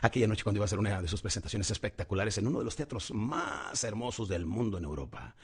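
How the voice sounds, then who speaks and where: A man, a public speaking coach who gives a motivational lesson and swings between a loud voice and a soft one. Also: lowish voice, animated, fast, breathy edge. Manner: dramatic swings between loud and soft, addresses listener as champion.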